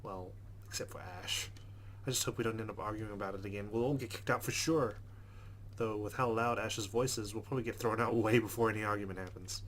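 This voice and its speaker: Reading visual novel narration aloud expressively for a let's play, this man speaks fairly quickly in a lowish, slightly bright, steady voice and tosses in casual asides. Game music with guitar sits behind him, along with a bit of hiss or hum.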